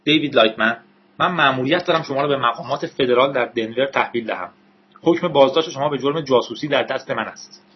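Stern federal agent, cold and contemptuous, voiced by a husky male narrator; dull lo-fi audio. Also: medium pitch, lively intonation.

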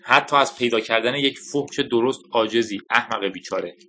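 A hot-tempered male general in an audiobook snaps with scorn, as a male narrator reads him. His tone is bright and forceful. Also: medium pitch, a little hiss or hum, lightly acted. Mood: angry. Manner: angry, contemptuous.

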